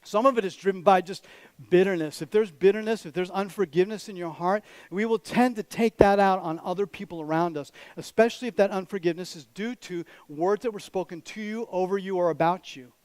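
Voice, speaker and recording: A man's voice: sits high, brisk, darkish tone, clear, resonant tone, no echo. A man preaching a sermon as a pastor, direct and conversational, with teasing asides to the congregation. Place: church.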